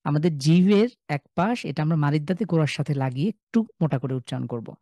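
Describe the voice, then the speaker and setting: A young man with a Bangladeshi Bengali accent, teaching an online class and sounding out each letter slowly and loudly before explaining it. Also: fairly high pitch, animated, dry recording. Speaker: Quran recitation teacher. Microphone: video call.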